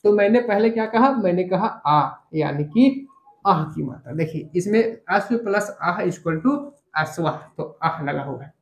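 A man's voice: high voice, animated, a little slow. Echoey male teacher explaining step by step. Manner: explains step by step, repeats key points, asks students questions. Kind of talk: online grammar lesson. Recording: echoey room.

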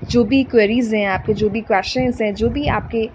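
A woman's voice: on the high side, steady tone, moderate pace, a little mellow, muffled recording, a little hiss or hum. Patient woman explaining a DIY craft. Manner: patient step-by-step explaining, mixing English words into Hindi. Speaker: craft channel host. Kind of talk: instructional DIY voice-over.

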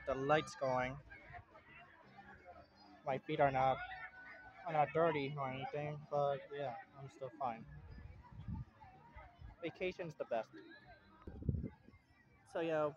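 A man's voice: a little high, steady tone. A young man from Puerto Rico rambling casually as he films a beach vlog outdoors, holding his phone while he walks. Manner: rambling, unhurried, plain-spoken. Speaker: vlogger. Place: outdoor beach park, in and out of a tent. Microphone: phone held in hand while walking. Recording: dull lo-fi phone audio.

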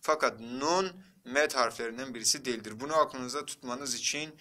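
A man teaching a school lesson, going through exam questions, drilling each word slowly and answering his own questions. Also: medium pitch, bright, forceful tone. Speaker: religion teacher.

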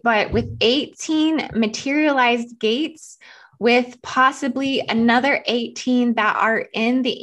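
A woman hosting her own spiritual video channel, talking quickly and excitedly with lots of ums. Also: a little high. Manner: rapid, excited, many ums. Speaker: channel host. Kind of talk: casual spiritual vlog talk.

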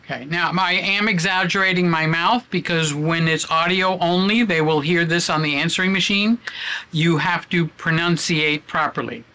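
Guy talking thru his setup at home, lots of ums, bright highish voice. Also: steady tone, moderate pace, slight background noise. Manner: chatty, self-narrating, many fillers. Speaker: vlogger. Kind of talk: casual vlog talk. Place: home room used as a studio. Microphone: camera on a tripod.

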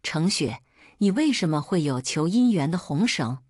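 A controlling, possessive husband who demands and accuses, voiced by a woman narrator. The voice stays low and is recorded close and dry, like a story narration. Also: sing-song, normal speed, darkish tone, slightly rough, no echo, full character voice. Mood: demanding. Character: angry possessive husband, male adult.

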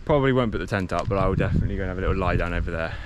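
A young man talks to the camera in a loose, rambling way, often stopping to correct himself. His voice sits on the lower side, and it comes from an action camera held at arm's length outdoors. Faint wind and passing traffic sit behind him. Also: racing. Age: young adult. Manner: chatty, rambling, self-correcting. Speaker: cycle touring vlogger. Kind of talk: casual vlog to camera. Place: outdoors on a sunny coastal path.

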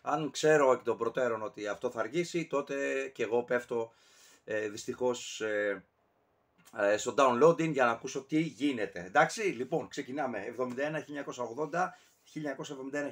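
A man casually ranking albums on camera, talking in a rambling, digressive way with many fillers and self-corrections. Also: mid-range voice. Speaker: music reviewer.

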